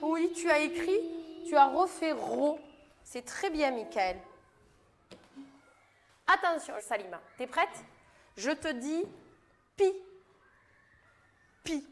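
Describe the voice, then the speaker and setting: Woman kindergarten teacher, encouraging, slow and clear, fairly high voice, faint room noise. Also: lively intonation. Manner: patient, encouraging, stretches out speech sounds. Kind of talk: classroom instruction with young children. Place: kindergarten classroom.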